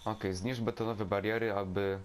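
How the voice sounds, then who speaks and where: Low-voiced man doing halting gameplay commentary. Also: flat delivery. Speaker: gameplay video host. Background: video game sound.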